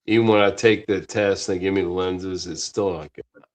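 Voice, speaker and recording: A man pushing fifty rambles through a casual podcast chat, swearing freely and tripping over his own restarts. His voice sits fairly low. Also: steady tone, brisk. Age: 40s. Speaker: podcast host.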